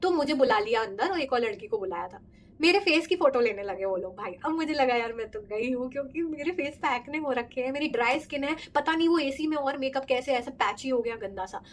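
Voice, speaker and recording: A young woman from India tells her story to the camera in a chatty, expressive way, slipping English phrases into her talk. Her throat is sore, and her voice sits a bit high. A faint hiss of noise runs underneath. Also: a little fast. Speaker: vlogger. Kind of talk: casual storytelling vlog.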